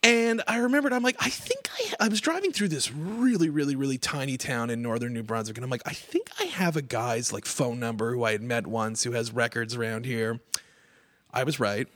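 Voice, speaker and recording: A man's voice: medium pitch, a little fast, fairly bright tone. A middle-aged man from Quebec hosting a radio music show, chatting casually about records with many fillers and "like"s. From Quebec, Canada. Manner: rambling, filler-heavy, many "like"s. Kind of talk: casual on-air chat.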